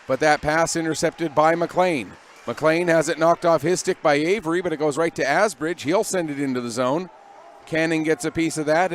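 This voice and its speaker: Brisk man calling hockey play-by-play. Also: a little high, slight background noise. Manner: brisk running play calls, rising when the action peaks. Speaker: play-by-play commentator.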